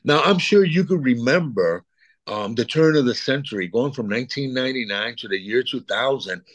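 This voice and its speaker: Appearing as the guest artist in a relaxed interview, this sixty-something man from Puerto Rico wanders through his thoughts, repeats words, and chuckles in between. He has a fairly bright mid-range voice with lively intonation and a moderate pace, captured in a dry recording.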